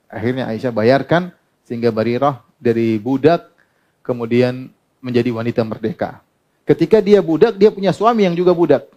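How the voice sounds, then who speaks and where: With a dark-toned, mid-range voice, a middle-aged man preaches an Islamic sermon. He quotes Arabic texts and translates them, regularly asks the audience questions he then answers himself, and laughs often between points.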